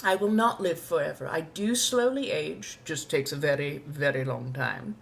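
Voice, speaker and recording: With a low, gravelly voice, a woman livestream host answers viewer questions in character as an ancient, genteel female vampire with a posh colonial accent. She is refined, stern and courteous, using old-fashioned formal wording and drawn-out, deliberate phrasing.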